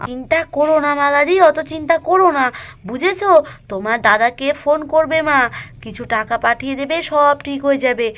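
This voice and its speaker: A woman's voice: high-pitched, brisk, fairly bright tone. A woman doing a wise elder sister-in-law. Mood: reassuring. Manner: explaining, reassuring. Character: eldest daughter-in-law, wise and comforting.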